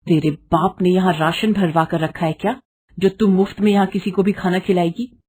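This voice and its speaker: A woman's voice: fairly low pitch, steady tone, moderate pace, husky. A woman doing a cruel, taunting mother-in-law. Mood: scolding. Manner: shouting, taunting, mock-sweet with guests. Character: harsh, scolding middle-aged mother-in-law.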